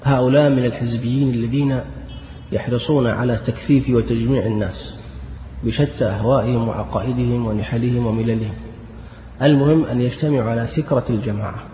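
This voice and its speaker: A man's voice: medium pitch, fairly even intonation, fast talker, slight background noise. Fervent male Islamic lecturer, echoey hall. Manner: fervent, rising to emphatic outbursts. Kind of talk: religious lesson. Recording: dull lo-fi recording in an echoey hall.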